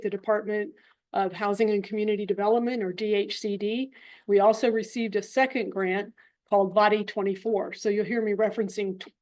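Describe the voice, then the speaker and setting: A woman, a program director, giving an update to a commission, explaining step by step with frequent ums and uhs. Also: medium pitch. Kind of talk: presentation to a commission. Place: public meeting room.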